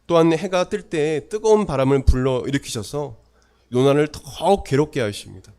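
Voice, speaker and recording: A male pastor preaching a sermon in a church, emphatic, with his pace slowing and speeding for effect. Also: fairly high pitch, darkish tone.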